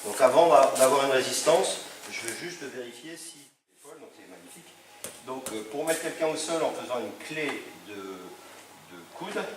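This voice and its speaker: A man's voice: mid-range voice, lively intonation, moderate pace. A man teaching a self-defense class, explaining holds step by step while demonstrating on a partner. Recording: echoey hall, distant mic, noisy.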